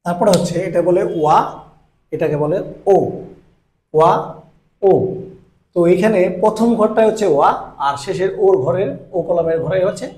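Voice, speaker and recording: A male language teacher with a Bangladeshi Bengali accent, giving a slow, patient lesson and drilling syllables one by one. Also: sits high, warm tone. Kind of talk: slow classroom-style lesson, reciting syllables. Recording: echoey room sound.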